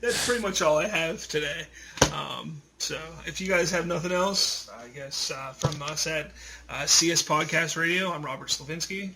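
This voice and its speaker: A man's voice: fairly high pitch, normal speed, noisy background. A man hosting a casual comedy podcast, reading out a news story and laughing along. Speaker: podcast host.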